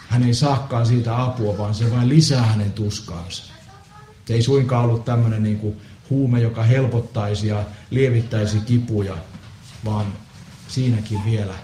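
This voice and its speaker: A man preaching a solemn Good Friday sermon, measured with pauses and the odd hesitant filler. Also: mid-range voice, warm tone, a little hiss or hum. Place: church. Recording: echoey church with faint ambience.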